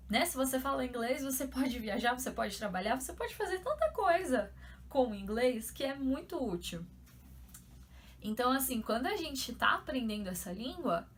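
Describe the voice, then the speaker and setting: A young woman from São Paulo with a São Paulo accent, explaining things in a chatty, animated vlog style full of fillers. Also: on the high side, slight background noise. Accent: São Paulo Portuguese. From São Paulo, Brazil. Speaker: YouTuber.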